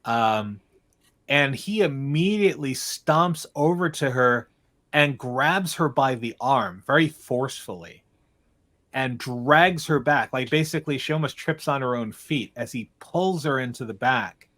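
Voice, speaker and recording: A man narrating a tabletop game as game master, halting and filling pauses with ums and uhs. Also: mid-range voice, animated, a bit bright.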